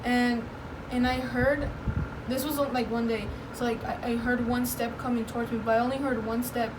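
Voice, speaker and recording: A woman's voice: level tone, moderate pace. A woman casually telling a personal story to friends in a conversational way, often using "like" as a filler. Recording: noisy, distant mic, background rumble.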